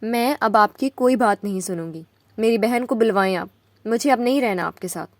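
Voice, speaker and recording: A woman voicing an injured young wife who shouts through tears, her voice pitched a little high and close and dry. She sounds wounded and defiant, set in a spoken romance novel. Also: dry recording, natural voice. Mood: tearful anger. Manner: tearful and shouting. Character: angry young wife, crying, accusing her husband.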